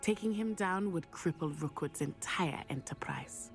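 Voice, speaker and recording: A woman voicing an earnest, polite young female student in video game dialogue, measured and determined. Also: on the low side, faint music behind, close to an everyday voice.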